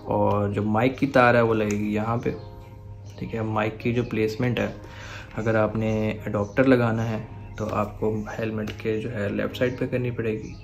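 In a lowish, gravelly voice, a young man with a Pakistani Urdu accent shows how his motorcycle camera and microphone are rigged. The motovlogger keeps his explanation casual and keeps checking in with "theek hai."

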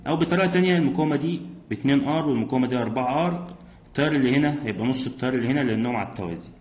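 A man with an Egyptian accent, teaching physics by working exam problems step by step, asking himself questions and answering them. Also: mid-range voice. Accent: Egyptian Arabic. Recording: roomy echo.

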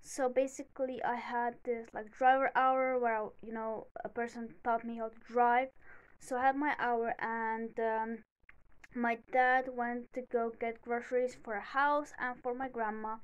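A woman's voice: a little high, level tone, unhurried, smooth, dull audio. A teenage girl vlogger telling a personal story in a casual, rambling way, full of "like" and "you know".

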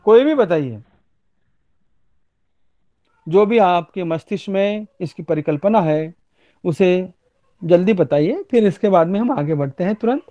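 A man lecturing in an online webinar, slowly demonstrating sentences with careful pauses and often checking "okay?" with students. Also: high voice, lively intonation, dark tone. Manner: slow, deliberate, pausing to demonstrate. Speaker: university Hindi lecturer. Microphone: online webinar audio. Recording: dull lo-fi webinar audio.

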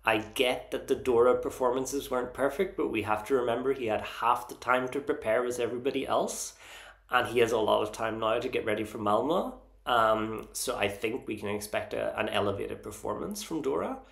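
Gravelly man vlogging in a roomy echo. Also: medium pitch, a little fast, fairly bright tone. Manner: hesitant, frequent ums and restarts; earnest and openly enthusiastic. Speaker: Eurovision vlogger ranking songs. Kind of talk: casual opinion vlog.

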